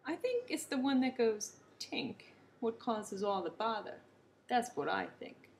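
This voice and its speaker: A woman's voice: a little high, very animated, a little slow, gravelly, slight background noise, full character voice. Woman doing a smug know-it-all snake, self-important, slightly raised voice. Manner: pompous, important.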